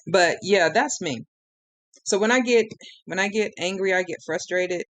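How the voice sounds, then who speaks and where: A woman's voice: on the low side, moderate pace, dry recording. A woman ranting on a live stream, frustrated and close to tears, rambling with many restarts. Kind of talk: emotional live-stream rant.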